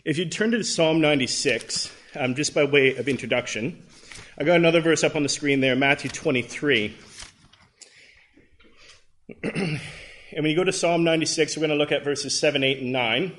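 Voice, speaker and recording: A man's voice: fairly high pitch, moderate pace, long pauses, a bit bright. Earnest Canadian man in his thirties. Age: 30s. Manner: earnest, conversational, with frequent ums and restarts. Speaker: Bible class speaker. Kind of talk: Bible class talk.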